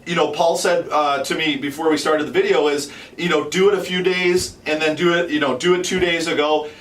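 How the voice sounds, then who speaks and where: Higher-voiced man teaching in a roomy space. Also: steady tone, fairly quick, a bit bright. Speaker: host and duck calling instructor. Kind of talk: unscripted instructional talk. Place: small wood-panelled shop room, indoors. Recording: roomy, distant, noisy pickup.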